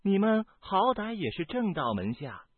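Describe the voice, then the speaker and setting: A sly young demon sorceress purrs in a high, husky falsetto that swoops coyly up and down, as a man reading the story puts her on. The sound is dry and tinny, like a phone line, and she mocks with sugary sweetness. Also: big pitch swings, normal speed, dry recording. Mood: teasing, coy.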